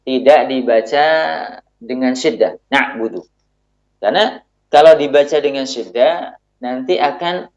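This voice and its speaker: A man's voice: medium pitch, darkish tone. A man teaching Quran recitation rules, patiently explaining and stretching out example words to demonstrate them, often affirming with a short "ya". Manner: frequent affirming "ya" between points. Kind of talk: tajwid lesson.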